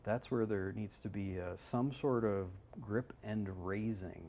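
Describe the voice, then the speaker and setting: A man's voice: on the low side, a little slow, darkish tone, slight background noise. A man working as a golf instructor, explaining swings in a loose, conversational way on a live analysis show.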